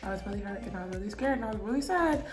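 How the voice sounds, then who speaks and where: Expressive young woman telling a storytime. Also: medium pitch, rapid-fire. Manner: animated, profane, emotional storytelling. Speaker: vlogger. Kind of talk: storytime vlog. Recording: echoey room with faint music.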